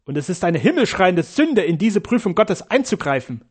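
A man doing a shrill, zealous scheming nun. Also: sing-song, moderate pace, husky, exaggerated voice. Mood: fervent. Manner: raised, fervent and indignant.

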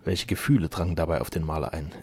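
A man narrating a novel in a measured storytelling manner. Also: a bass voice, steady tone, darkish tone, slightly rough. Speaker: audiobook narrator. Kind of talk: novel reading.

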